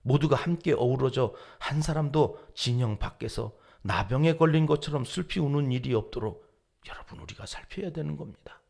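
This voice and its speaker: A male pastor giving an early-morning sermon, dramatic, dropping to hushed whispers and rising to loud emphasis. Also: mid-range voice, moderate pace, vocal fry. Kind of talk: dawn service sermon.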